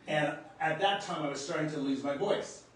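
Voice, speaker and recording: Earnest man telling a story, echoey room. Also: fairly high pitch. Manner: earnest, halting, reliving the moment. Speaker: spiritual storyteller. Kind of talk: personal storytelling to camera. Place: room in his home near the kitchen. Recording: echoey room, distant mic, faint background hum.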